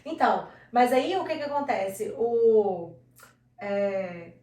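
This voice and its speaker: A woman's voice: fairly high pitch, slow, far from the mic. Chatty Brazilian woman in an echoey room. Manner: chatty, animated, laughs easily. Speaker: co-host. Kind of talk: casual chat. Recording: echoey room, slightly off-mic.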